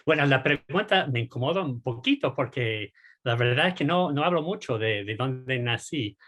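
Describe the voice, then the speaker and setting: Hesitant man in his sixties, husky. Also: medium pitch, expressive, normal speed, fairly bright tone. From United States. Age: 60s. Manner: hesitant, many repeated words and fillers. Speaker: guest political scientist. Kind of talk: casual interview answers.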